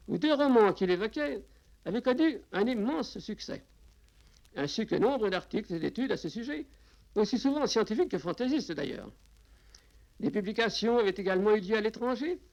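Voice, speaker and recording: A man answers an interviewer in a measured, formal way, listing things one by one. His voice has a gravelly edge. It comes off an old worn tape that sounds dull and lo-fi. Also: sits high.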